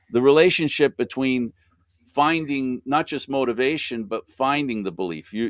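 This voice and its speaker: A man's voice: fairly low pitch, dry recording, clean studio sound. A man hosting an interview, asking long rambling questions with many fillers and restarts. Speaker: host.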